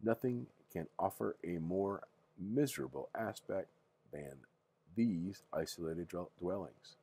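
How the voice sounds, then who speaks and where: Husky, mellow older man reading aloud, grandpa voice. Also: low voice. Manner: halting, stumbles over words and rereads. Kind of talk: casual bedtime read-aloud from a history book.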